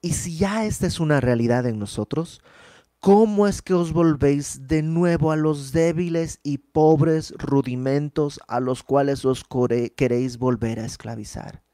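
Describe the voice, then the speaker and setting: A man's voice: fairly high pitch, unhurried, mellow, no echo, clean studio sound. A man preaching a conversational sermon, explaining Bible verses with rhetorical questions and everyday examples.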